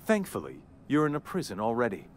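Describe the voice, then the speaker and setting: A man's voice: mid-range voice, huge pitch swings, a little fast, a little hiss or hum. An actor playing a stern, scornful male military general in a video game, with clipped, contemptuous lines. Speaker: game character.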